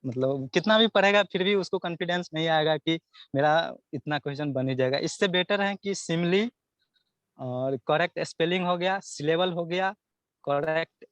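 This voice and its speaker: A man's voice: fairly high pitch, moderate pace, a bit bright, clear, resonant tone, no echo, dull audio. A young man, giving earnest advice as a student guest in an interview, often repeating himself as he lists topics. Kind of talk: casual interview answers.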